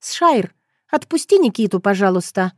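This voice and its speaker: A woman's voice: medium pitch, sing-song, moderate pace, no echo, clean studio sound. A woman reading a young heroine who firmly scolds a foolish former friend. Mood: scolding. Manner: stern, scolding.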